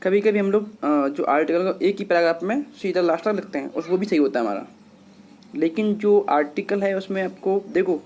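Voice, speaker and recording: A man's voice: high-pitched, brisk, a little mellow. A man teaching a lesson, explaining patiently and often repeating himself as he talks to his students. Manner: patient, repetitive, addresses students as children. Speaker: English teacher.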